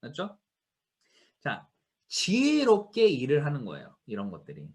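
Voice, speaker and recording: A man's voice: fairly high pitch, measured pace. A man with a non-native accent giving a motivational seminar talk, telling stories and acting out what people said. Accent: non-native Korean. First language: not Korean. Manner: lively storytelling, acting out quotes, frequent laughs and "맞죠?". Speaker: motivational speaker.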